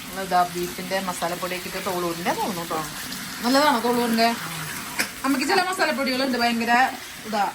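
A young woman vlogging casually from a home kitchen on a handheld phone, chatty and excitable as she talks to her viewers. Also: a little high, fast talker. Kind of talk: casual vlog chat. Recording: clear background noise.

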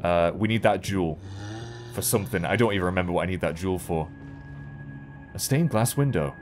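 A man's voice: low voice, a little fast, faint music behind. A man in his thirties giving casual, jokey, sweary let's play commentary, thinking aloud as he goes. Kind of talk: casual horror game commentary.

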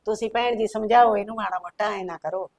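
A woman's voice: medium pitch, steady tone, fast, dry recording, close to an everyday voice. A woman playing a pleading older village mother. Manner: soft coaxing pleas, repeated "putt". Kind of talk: rural family drama acting.

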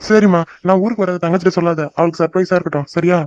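A dutiful young son living away from home, voiced by a woman, speaks earnestly in a low, mellow cartoon voice. He talks quickly, and the recording sounds dry and slightly muffled. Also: steady tone, no echo, lightly acted. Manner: earnest, reluctant. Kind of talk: cartoon voice acting.

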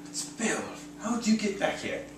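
A man's voice: high-pitched, very animated, moderate pace, very echoey, recorded from a distance, a little hiss or hum, pitched above the performer's own voice. A man voicing a bumbling, fussy old king who scolds and gives thanks with grand exclamations.

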